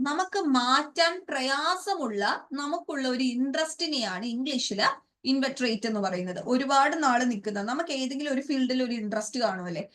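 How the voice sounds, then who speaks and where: A woman with a Malayali accent teaching English grammar and vocabulary for an exam, often asking her students questions and slowly repeating and spelling out words. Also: sits high, a bit bright.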